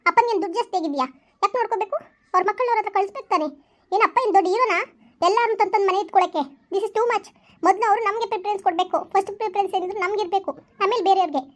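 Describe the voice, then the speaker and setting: A woman's voice: very high voice, a bit bright. A woman doing a sobbing, pleading young daughter. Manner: whining, pleading, sobbing complaints. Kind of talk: family skit acting.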